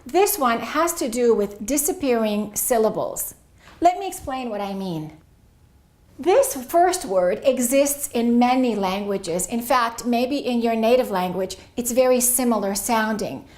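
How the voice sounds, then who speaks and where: A middle-aged woman leads a pronunciation lesson, modeling each word deliberately so learners can repeat it. Her voice sits a little on the high side, and her delivery stays clear and careful throughout. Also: animated, a little mellow. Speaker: English pronunciation teacher.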